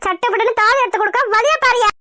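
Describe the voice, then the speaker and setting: Woman as resigned young cartoon bride, high, dry sound. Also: very fast, pushed and bright, no echo. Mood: tearful. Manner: tearful, resigned. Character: young bride forced to marry, sorrowful.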